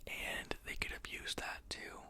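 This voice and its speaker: Softly and slowly whispering, an ASMR host who also teaches reads a book out loud and then talks through their thoughts, with many pauses and fillers along the way.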